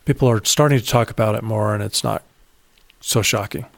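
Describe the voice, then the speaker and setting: Low, gravelly podcast host man. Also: a little fast, no room sound. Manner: steady, explanatory, matter-of-fact. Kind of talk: casual podcast chat.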